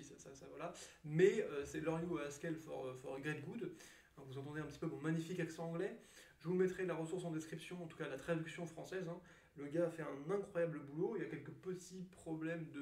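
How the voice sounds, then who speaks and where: Rambling, gravelly-voiced young man teaching code. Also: a little high, a little mellow, distant mic. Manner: rambling, self-mocking, many fillers and restarts. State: tired from little sleep. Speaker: programming tutor. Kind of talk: casual screen-recorded coding lesson. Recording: echoey room, voice a bit off-mic.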